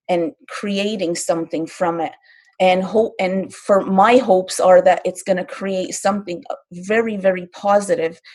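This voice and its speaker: An older woman from Kahnawake speaks as a guest on a live stream. She talks earnestly and pauses, searching for words when she is moved. A wry laugh slips in now and then. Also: mid-range voice, darkish tone. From Kahnawake, Quebec. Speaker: interview guest. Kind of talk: emotional personal testimony.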